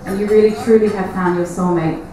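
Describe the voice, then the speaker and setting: A woman's voice: mid-range voice, steady tone, fast talker. Echoey woman giving a wedding toast. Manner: affectionate, sentimental. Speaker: sister of the bride giving a wedding speech. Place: large echoey venue at a wedding reception. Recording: echoey, noisy, distant event recording.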